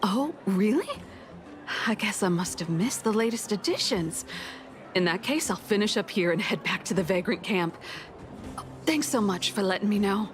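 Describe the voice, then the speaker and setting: A woman's voice: medium pitch, animated, moderate pace, over music, close to an everyday voice. An actress voicing a chatty woman in a video game, talking plainly about her shopping. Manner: chatty, conversational.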